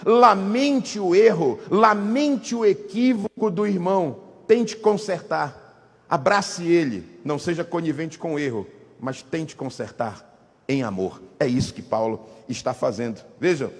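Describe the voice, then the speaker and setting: Husky-voiced preacher in a reverberant church. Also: male voice, lively intonation, a little slow. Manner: preaching with rising emphatic exclamations and repeated phrases; softens into low tender asides when voicing fatherly love. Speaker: pastor. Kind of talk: sermon. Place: church sanctuary. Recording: husky voice with long hall reverb.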